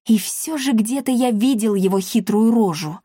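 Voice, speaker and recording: A woman's voice: fairly high pitch, moderate pace, mellow, slightly rough, dry recording, clean studio sound. Woman doing a pompous grumbling tomcat. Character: self-important forgetful male tomcat.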